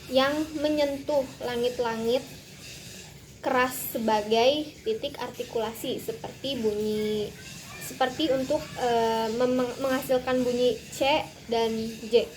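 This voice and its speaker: A woman's voice: fairly high pitch, a little mellow, a little hiss or hum, poor audio. A young woman from Indonesia giving a recorded class presentation, explaining carefully with frequent hesitations. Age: young adult. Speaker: student presenter.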